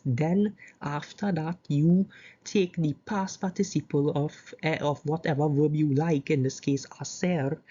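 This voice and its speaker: A Caribbean-accented teacher giving a language grammar lesson, reciting verb conjugations slowly and adding short explanations. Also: mid-range voice, dark tone, highs cut off. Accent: Caribbean English. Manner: slow, deliberate reciting of conjugations with asides. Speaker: Spanish teacher.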